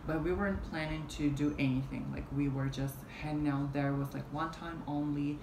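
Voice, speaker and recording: This woman vlogger, low and flat-voiced and speaking a little fast, rambles through a casual storytime vlog with many fillers and restarts. She's indoors in a small room at home, camera in front at arm's length, and the roomy recording carries a fan humming in the background.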